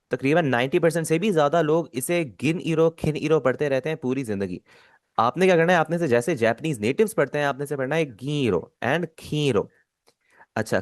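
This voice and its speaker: A man teaching a language lesson, patiently explaining and repeating key words slowly. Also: mid-range voice, dry recording, studio quality.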